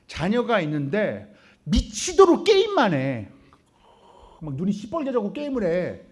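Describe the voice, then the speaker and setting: A man preaching a sermon in church, talking to the congregation with rhetorical questions, sudden loud stresses and quiet asides. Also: high-pitched, husky. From Korea. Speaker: pastor. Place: church sanctuary.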